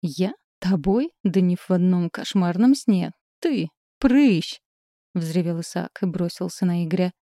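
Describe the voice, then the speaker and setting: A woman's voice: lowish voice, fairly even intonation, normal speed, mellow, no room sound, clean studio sound. A woman narrating a novel in first person, voicing the dialogue expressively. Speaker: audiobook narrator. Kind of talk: scripted narration.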